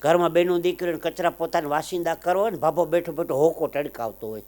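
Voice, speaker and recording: A man from the region telling folk jokes to an audience, acting out characters in raised voices and slowing down for punchlines. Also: fairly high pitch, darkish tone. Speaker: folk comedian storyteller. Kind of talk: live comic storytelling to an audience.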